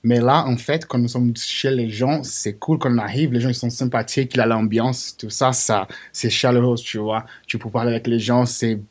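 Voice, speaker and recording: A man's voice: medium pitch, fairly even intonation, normal speed, few pauses. A man from Brazil with a Brazilian accent, a pizza chef speaking in a studio interview, hesitant and searching for words.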